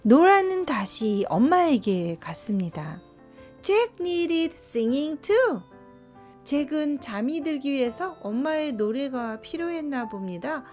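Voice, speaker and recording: A woman reads a children's storybook slowly and gently. Her voice is high and melodic. Soft music plays under her. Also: very animated. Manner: slow, gentle and explanatory. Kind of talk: bilingual storybook reading. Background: soft background music.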